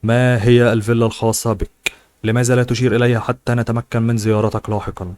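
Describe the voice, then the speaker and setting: A man's voice: mid-range voice, level tone, quick pace, a little mellow, lightly acted. A man voicing a sarcastic young male rival in an audiobook.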